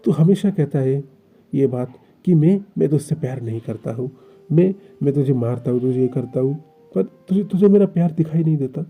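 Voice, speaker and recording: A man's voice: medium pitch, lively intonation, moderate pace, husky, narrow, tinny audio, soft background music. A man voicing a possessive, jealous young man who pleads with his partner in a stammering, reproachful way. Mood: pleading.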